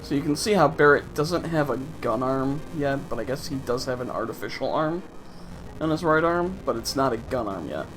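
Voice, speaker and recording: A man's voice: mid-range voice, expressive, normal speed, fairly bright tone, soft background music. A man casually commenting on his own gameplay with wry, offhand, sarcastic asides. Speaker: let's play host.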